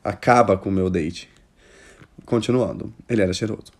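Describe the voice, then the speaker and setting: A Brazilian-accented man hosts a casual chat, reading listener stories aloud. His manner is gossipy and animated, with frequent laughs and loud exclamations. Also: fairly low pitch, moderate pace, breathy edge. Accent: Brazilian Portuguese. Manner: gossipy and expressive, laughs often, exclaims loudly.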